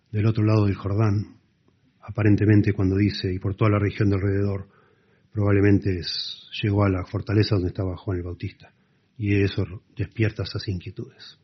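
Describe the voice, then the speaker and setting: A man preaching a sermon, explaining scripture earnestly and dropping to soft emphasis. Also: fairly low pitch, husky. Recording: dull lo-fi sound.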